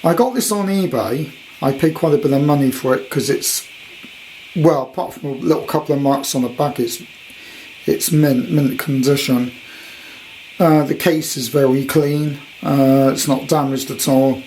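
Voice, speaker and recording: In a noisy home recording, a man with a medium-pitched, darkish voice talks at a moderate pace. As a vintage radio collector, he presents his new buy in a casual, meandering demo peppered with jokey puns.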